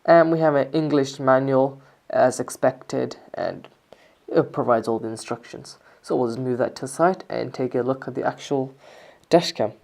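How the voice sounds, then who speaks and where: Someone talks through a product's features step by step in a casual, informal review that sounds scripted. The voice is mid-range, gravelly, and somewhat dark, at a normal speed.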